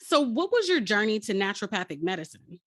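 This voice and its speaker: Casting: upbeat woman podcast host, lively animated pitch, dry close sound. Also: fairly quick, no room sound. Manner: upbeat, affirming interviewer. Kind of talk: podcast interview.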